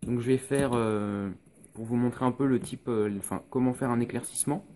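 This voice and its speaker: Man, mellow-toned hobby painting tutor, halting and full of fillers, phone recording with faint hiss. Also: mid-range voice, steady tone. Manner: hesitant, many fillers, explains step by step.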